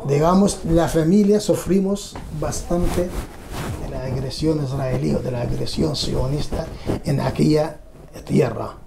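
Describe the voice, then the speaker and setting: A middle-aged man from Palestine, giving a measured, halting personal testimony with pauses for a documentary. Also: on the high side, gravelly. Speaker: documentary interviewee. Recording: roomy echo, faint background hum.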